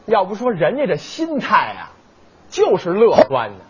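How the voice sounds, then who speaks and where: A man's voice: high-pitched, huge pitch swings, normal speed, darkish tone, slightly rough. A man, performing comic crosstalk as the joke-teller, teasing his partner in a mock-concerned tone. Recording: dull lo-fi recording.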